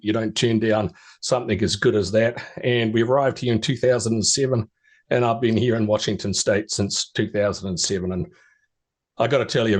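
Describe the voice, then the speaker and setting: This New Zealand man is middle-aged and chatty, with a lowish voice. Appearing as a podcast guest in relaxed interview chat, he tells meandering stories, stammering and starting over.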